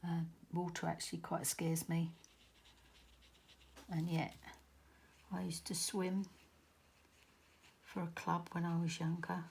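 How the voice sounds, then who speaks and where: A middle-aged woman with a southern English accent talks through a card-making tutorial in a casual, rambling way, often stopping to correct herself. Her voice sits low and carries a gravelly fry. Faint noise hums under the recording. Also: level tone, slow, long pauses, a little mellow. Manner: chatty, rambling, self-correcting.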